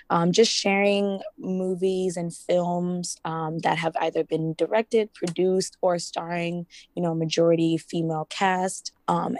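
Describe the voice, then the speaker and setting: Young woman student rep from Ghana, raised in the US, lowish voice, chatty with fillers, dry sound. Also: a little mellow, no echo. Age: young adult. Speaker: student representative. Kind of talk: casual interview.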